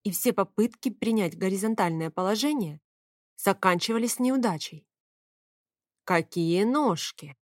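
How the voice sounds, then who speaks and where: A woman narrates an audiobook in the first person with lively, expressive storytelling. Her pitch is mid-range for a woman. The recording is dry and close to the mic. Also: normal speed, dry recording.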